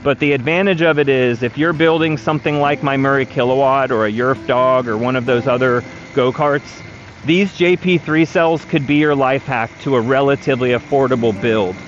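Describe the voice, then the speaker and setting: A man's voice: mid-range voice, normal speed, slight background noise. A man in his thirties giving practical, matter-of-fact advice while riding a four-wheeler outdoors, recorded on an action camera. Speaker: vlogger, electric vehicle builder. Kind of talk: casual explanatory ride-along talk. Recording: dull lo-fi action camera audio with music underneath. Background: background music.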